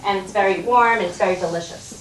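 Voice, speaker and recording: Patient American teacher in an echoey classroom. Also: female voice, medium pitch. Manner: patient, encouraging, slow drawn-out modeling of sounds. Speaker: first grade teacher. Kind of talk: phonics lesson with a child. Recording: echoey room, voice from some distance, noisy.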